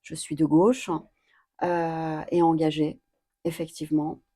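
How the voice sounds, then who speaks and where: Slow, low-voiced woman in her fifties. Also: flat delivery, warm tone. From Iran. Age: 50s. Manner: hesitant, many filler pauses. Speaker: guest, activist. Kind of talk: interview answers.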